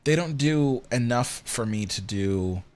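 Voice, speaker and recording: Hosting a casual livestream, a tired man in his thirties yawns and rambles through viewer comments with many ums. His voice is medium-pitched and darkish, expressive, at a measured pace.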